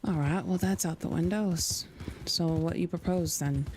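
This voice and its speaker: A speaker in a roleplay game stream, talking calmly and reflectively in character, with some hesitations. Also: medium pitch, normal speed, a little hiss or hum.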